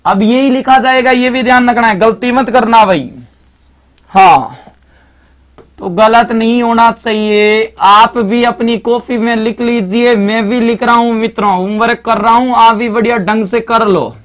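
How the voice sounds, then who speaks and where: A man's voice: very high voice, fairly even intonation, unhurried, a bit bright. A male teacher with a Marwari accent giving a live online grammar lesson, chatty and repetitive, constantly reminding students to pay attention.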